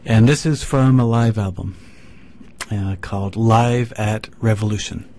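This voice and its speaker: Male radio host, lowish mellow voice, relaxed track intro, faint background hiss. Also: measured pace. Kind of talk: radio music show announcing.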